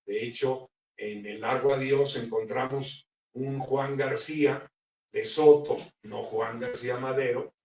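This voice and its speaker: A man's voice: medium pitch, a little mellow, slight background noise. A man giving a thoughtful literary talk at a book presentation, hesitating often with fillers and restarts. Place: bookstore event room. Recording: roomy, picked up from a distance.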